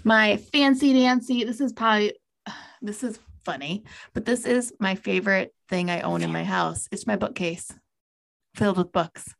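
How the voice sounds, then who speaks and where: A woman's voice: medium pitch, steady tone, normal speed, vocal fry, slight background noise. A woman co-hosting a podcast, chatting playfully and laughing often from her home office. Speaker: podcast co-host. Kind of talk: casual chat.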